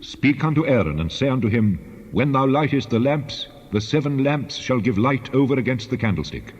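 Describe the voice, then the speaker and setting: A man playing a solemn, commanding God who gives laws in a measured, declamatory way in a dramatized scripture reading, with heavy reverb on his voice. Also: mid-range voice, expressive, slightly rough. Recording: long hall reverb, dull lo-fi sound.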